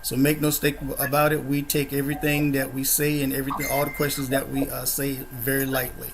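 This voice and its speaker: Flat-voiced man hosting a panel. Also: mid-range voice, creaky, background noise. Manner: measured, flat delivery with frequent uh and um fillers. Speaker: host of a discussion forum. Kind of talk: moderating a panel discussion. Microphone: video call.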